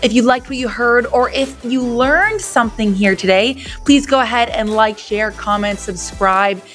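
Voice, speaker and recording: A woman's voice: on the high side, normal speed, a bit bright, faint music behind. A woman hosting a podcast in a conversational, informal style. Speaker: podcast host.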